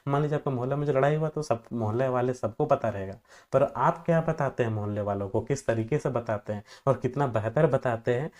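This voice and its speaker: A man's voice: medium pitch, fairly quick, hardly any pauses, a little mellow. A man teaching an exam-prep lecture in a loose, conversational way, leaning on fillers and homely examples and sometimes stumbling over terms and correcting himself. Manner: filler-heavy, repeats "जो है" often.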